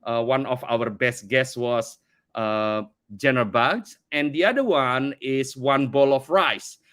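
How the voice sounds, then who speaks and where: A man's voice: mid-range voice, a bit bright, clean tone. Earnest Indonesian-born middle-aged man. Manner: earnest, repeats words while searching for phrasing. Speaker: company CEO, podcast guest. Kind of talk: conversational interview.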